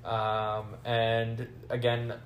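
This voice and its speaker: A man's voice: medium pitch, monotone, extremely slow. A man hosting a casual chat about motor racing, peppering his talk with "like" and "kind of". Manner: filler-heavy, hedging with "like" and "kind of". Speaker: podcast host. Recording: echoey room with faint background noise.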